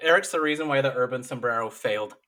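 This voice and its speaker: A man's voice: medium pitch, rapid-fire, pushed and bright. A man co-hosting a podcast with teasing, quippy, casual chat. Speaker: podcast co-host.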